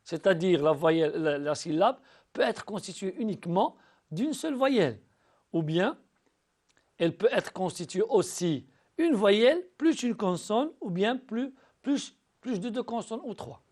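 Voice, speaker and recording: A male teacher talks pupils through a spelling lesson in a high voice. His pitch swings widely as he slowly sounds out syllables. He often stumbles and repeats words before going on. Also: lively intonation, a little mellow. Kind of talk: recorded school lesson.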